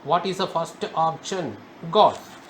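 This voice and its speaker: Slow, high-voiced man teaching grammar. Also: animated, a little hiss or hum. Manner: slow, emphatic, repeats key words. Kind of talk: spoken grammar lesson.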